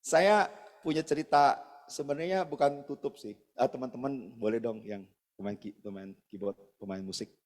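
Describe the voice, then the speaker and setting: A man's voice: mid-range voice, moderate pace. A male pastor giving a casual, chatty storytelling sermon, speaking directly to his congregation. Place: church service hall. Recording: long church reverb, soft guitar behind.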